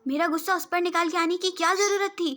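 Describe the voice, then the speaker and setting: A blunt young woman scolds and demands answers in a high, sharp-edged storybook voice, read by a woman. She presses without letting up. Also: fairly even intonation, fast. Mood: angry. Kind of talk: storybook role reading.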